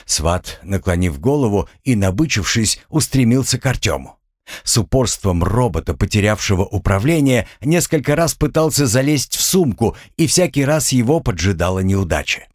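A man narrates an audiobook in a fairly low voice that moves widely up and down. He tells the story in a steady, expressive way. The sound is close and dry. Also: normal speed, no room sound. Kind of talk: scripted narration.

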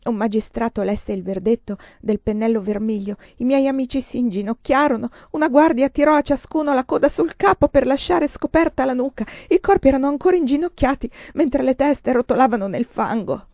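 A woman's voice: sits high, dark tone, no room sound, highs cut off, voice pushed up. Woman reading as a feverish, anguished young husband. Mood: haunted. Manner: halting, anguished.

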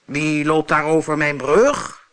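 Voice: medium pitch, slow pace, a bit bright. A narrator growling as a greedy bridge monster. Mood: menacing. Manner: growling, bellowing. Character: hungry green one-eyed bridge monster. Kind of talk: storybook reading.

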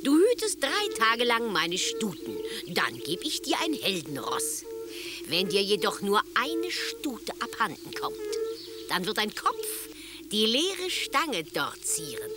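A woman's voice: a little high, huge pitch swings, slow pace, over music, heavily acted. A woman playing a formidable old witch in a fairy-tale radio play, brusque and grudging with theatrical threats. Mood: brusque, menacing. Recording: clearly noisy ambience behind the voice.

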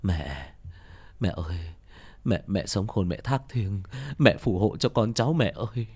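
Guy doing a sad son praying, soft and quiet, kinda low. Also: lively intonation, a little slow, breathy edge. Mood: mournful. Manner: hushed, mournful. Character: grieving son praying to his mother.

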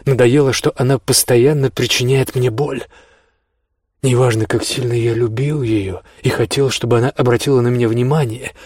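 A male audiobook reader narrating a first-person story in an earnest, heartfelt way. His voice is husky, with middling pitch and a dry, close sound. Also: no echo.

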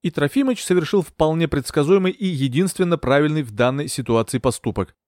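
A man's voice: on the high side, brisk, dry recording, clean studio sound. Man reading a thriller audiobook. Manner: steady, even storytelling. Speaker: audiobook reader. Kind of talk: scripted narration.

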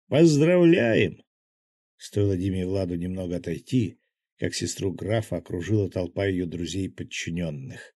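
Husky, dark-voiced male narrator. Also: low-pitched, no room sound, studio quality. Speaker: audiobook narrator. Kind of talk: scripted narration.

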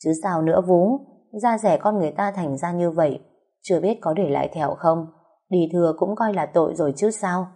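A woman with a Southern Vietnamese accent voicing a shrewd middle-aged second wife who speaks in a measured, reasoning way. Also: lowish voice, breathy edge. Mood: sharp. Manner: measured, reasoning, a little sharp.

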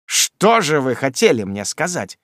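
A brash young manservant with a quick, mocking tongue, as a man reading aloud puts him on, bellowing threats in a high, lively voice that swings all over. Dry, close storybook recording. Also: dry recording. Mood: angry shouting. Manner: loud, mocking, threatening shouts.

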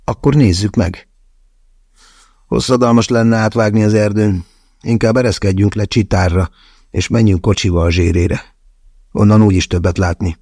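A man voicing a gruff, rough-mannered male teacher in an audiobook, with a curt, reluctant manner. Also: lowish voice, fairly even intonation, pauses often, a little mellow, no room sound, clean studio sound.

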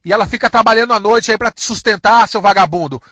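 A high-pitched man with a fairly bright tone rants furiously in São Paulo Portuguese, throwing insults and repeating slow, drawn-out threats. He's from São Paulo, Brazil. The sound is lo-fi, with no echo.

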